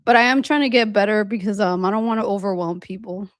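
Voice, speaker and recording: Woman co-host talking in quick run-on bursts. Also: medium pitch, no room sound, clean studio sound. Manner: fast, run-on venting talk with few pauses. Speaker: podcast co-host. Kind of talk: casual conversation.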